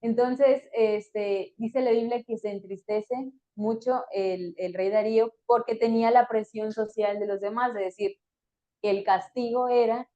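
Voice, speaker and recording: A woman's voice: on the high side, fairly even intonation, a little slow, dark tone. A woman teaching a Bible story in a conversational way, with fillers and small laughs between phrases. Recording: dull lo-fi recording.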